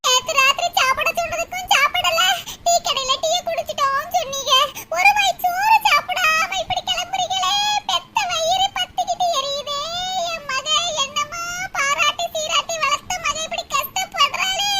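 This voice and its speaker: A woman's voice: steady tone, normal speed, faint music behind. A woman voicing an old village mother in a cartoon, lamenting and sobbing over her daughter. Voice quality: shrill, high cartoon voice with sobbing, lamenting delivery. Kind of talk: cartoon voice acting. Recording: loud background noise.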